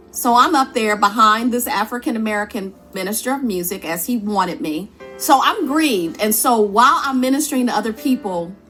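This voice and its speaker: A woman's voice: medium pitch, fairly bright tone. A woman, a church singer, telling her personal testimony in an earnest, conversational and emphatic way.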